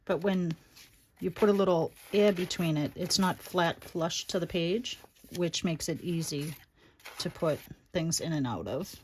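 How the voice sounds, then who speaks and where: A woman's voice: on the low side, measured pace. A woman with a Boston accent chatting casually to viewers and to herself as she hosts a crafting livestream. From Massachusetts, United States. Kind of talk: casual chat while crafting. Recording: noticeable background noise, clicks and rubbing.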